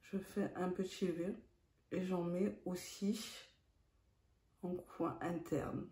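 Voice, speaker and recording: A woman explaining a makeup look step by step, in a calm tutorial manner. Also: fairly low pitch, takes it slowly, reverberant. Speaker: beauty vlogger.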